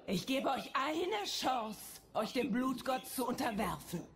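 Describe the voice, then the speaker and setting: A woman's voice: sits high, sing-song, a little slow, faint music behind, exaggerated voice. An actress playing a menacing, fanatical witch in a video game, with an imperious, declamatory delivery. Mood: threatening. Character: menacing, fanatical female witch serving a blood god. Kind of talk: video game villain acting.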